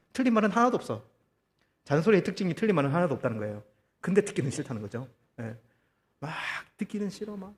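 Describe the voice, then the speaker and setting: A man preaching a sermon as pastor, telling a story with lively, acted-out quotes and rhetorical questions to the congregation. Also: sits high, in a large hall. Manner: animated storytelling, acting out quoted voices. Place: church.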